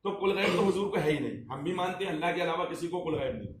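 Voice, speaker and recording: An Islamic cleric explains a religious point with emphasis and rhetorical flair, firing repeated questions at a listener. His voice is a little high, expressive and quick. The recording sounds echoey, with a distant mic and faint ambience.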